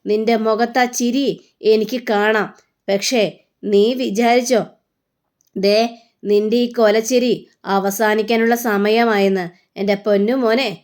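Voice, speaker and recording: A woman voicing a stern, protective older mother figure who speaks in a slow, deliberate way. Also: a little high, a little mellow, close to an everyday voice. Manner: scolding, threatening, slow and deliberate.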